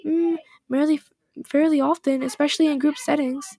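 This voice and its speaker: A woman reads a shy, bookish teenage girl who stumbles over her words and apologizes. The voice is soft and hesitant, a touch high, recorded close and dry. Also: fairly even intonation, a little fast, creaky, dry recording. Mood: earnest. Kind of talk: reading game dialogue aloud.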